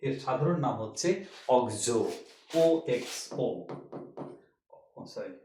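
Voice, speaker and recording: A man's voice: mid-range voice, animated, takes it slowly, darkish tone, a little hiss or hum. Man teaching chemistry in an echoey room. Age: older. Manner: explains step by step, repeats key points, asks rhetorical questions. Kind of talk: classroom lecture.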